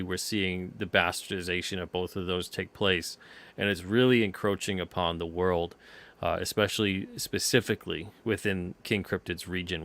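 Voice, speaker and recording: A man's voice: deep voice, a bit bright. A man talking as an interview guest about his comic series, in emphatic, built-up phrases. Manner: emphatic, builds up phrases with pauses. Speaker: guest, comic book creator. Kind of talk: interview answers.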